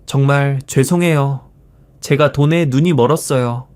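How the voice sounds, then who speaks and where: A man's voice: medium pitch, a little slow, a little mellow, close to an everyday voice. A man voicing a remorseful middle-aged daughter-in-law who pleads and begs tearfully in a storybook reading. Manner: tearful, begging.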